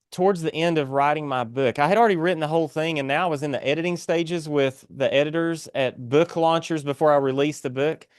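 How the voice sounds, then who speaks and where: Man, Appalachian accent, slightly high smooth voice, earnest inspirational interview talk, dry close sound. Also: no echo. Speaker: guest author.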